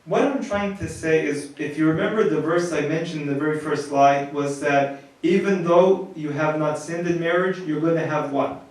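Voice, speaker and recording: A man's voice: a little high, moderate pace. A man, a priest, giving a conversational marriage lecture and often repeating words as he restarts. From United States. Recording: very echoey, from far off the mic.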